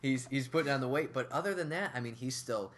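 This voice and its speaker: A man's voice: medium pitch, quick pace, fairly bright tone. A man in casual chat, adding dry, joking asides.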